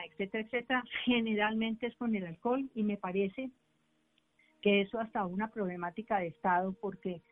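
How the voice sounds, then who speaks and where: Woman therapist explaining over a phone line. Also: mid-range voice. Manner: didactic, explains step by step with examples. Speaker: couples therapist. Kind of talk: radio discussion. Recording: phone-line sound with faint music.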